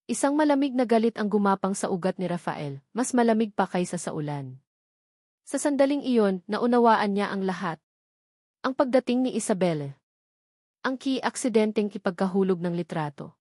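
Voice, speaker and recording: Reading a dramatic romance story from a script, this Filipino-accented female narrator has a slightly mellow mid-range voice. The studio-quality recording carries no echo.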